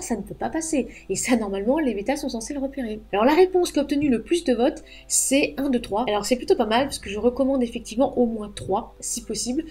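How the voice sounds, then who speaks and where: Woman, writing advice vlog, chatty and emphatic, fairly high, mellow tone. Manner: chatty, emphatic, frank asides. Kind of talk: casual advice monologue to camera.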